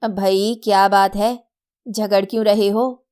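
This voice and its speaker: A woman's voice: mid-range voice, steady tone, a little slow, darkish tone, clear, resonant tone, close to an everyday voice. A woman voicing a mild, placating middle-aged male lawyer woken from sleep.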